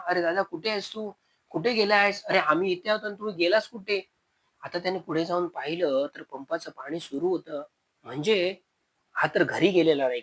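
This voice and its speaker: A man's voice: on the high side, fairly bright tone, husky, poor audio. A man with a Konkan Marathi accent narrating a spoken village horror story, acting out frightened calls to a missing brother.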